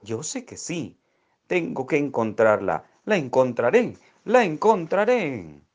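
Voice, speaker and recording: A man voicing a small lost baby bird in a children's storybook reading, crying out and pleading in a high voice. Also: sing-song, slow pace, heavily acted. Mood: determined.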